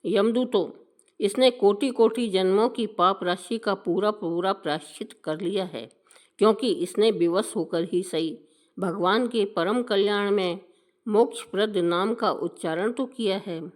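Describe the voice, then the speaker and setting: Righteous male divine messengers read by a woman, stern, very slow, measured recitation. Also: mid-range voice, natural voice.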